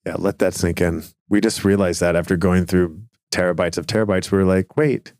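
A man co-hosting a podcast in casual chat, making wry, deadpan jokes. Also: low voice, brisk, dry recording, clean studio sound. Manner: wry, joking, deadpan asides. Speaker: podcast co-host.

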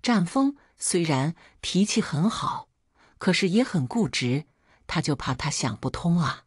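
A woman narrating a family drama story in a scripted, expressive reading. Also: fairly low pitch, a little slow, husky, no echo, studio quality.

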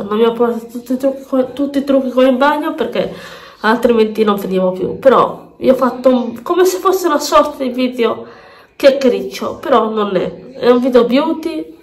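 A woman's voice: a little high, lively intonation, normal speed. Congested woman with a pinched nasal voice. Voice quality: nasal, pinched blocked-nose voice. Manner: rambling, repeats words and phrases. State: congested with a head cold. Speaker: beauty vlogger. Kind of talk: casual chatty makeup vlog. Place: bathroom at home.

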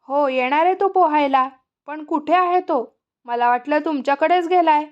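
A woman's voice: high voice, moderate pace, lo-fi sound, pitched above the performer's own voice, lightly acted. Woman playing a stern loving mother. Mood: calm. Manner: tender yet firm, coaxing. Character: loving stern mother scolding her son.

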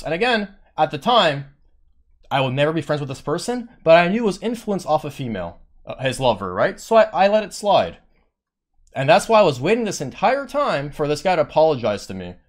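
Slightly high and slightly quick, this man's voice carries a casual, swear-heavy rant aimed at his stream chat. He's petty and worked up, loudly reenacting others' remarks, and mentions that he speaks in a monotone.

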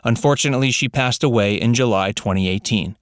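A man narrating a scripted voice-over, reading facts in an even, read-out way. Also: mid-range voice, a little fast, a little hiss or hum.

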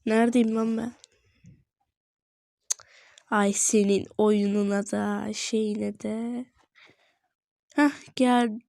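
A woman's voice: mid-range voice, little pitch movement, drawn-out words, vocal fry, long pauses, darkish tone, dry recording, clean studio sound. A young woman giving casual gameplay commentary, chatty and easily frustrated, talking straight to her viewers. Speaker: gaming video creator.

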